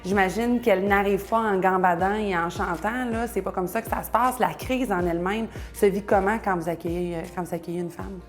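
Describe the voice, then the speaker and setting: A woman's voice: mid-range voice, fairly even intonation, fairly quick, hardly any pauses, soft background music. A woman hosting an interview, asking questions in a chatty way with playful asides. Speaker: host.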